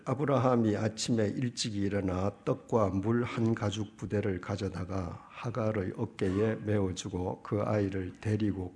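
A man's voice: lowish voice, gravelly, darkish tone. A man preaching a sermon, reading scripture aloud and putting rhetorical questions to the congregation. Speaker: pastor.

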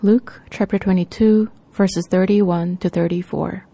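Woman preacher, sermon, measured deliberate delivery, mellow voice, dry sound. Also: fairly low pitch, steady tone, vocal fry, no room sound.

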